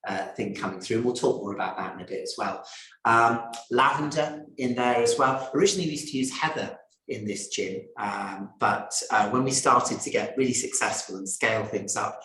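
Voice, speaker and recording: A man's voice: medium pitch, a bit bright. A man hosting a live online gin tasting over a video call, chatty and easygoing, talking to viewers by name. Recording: roomy echo on a video call.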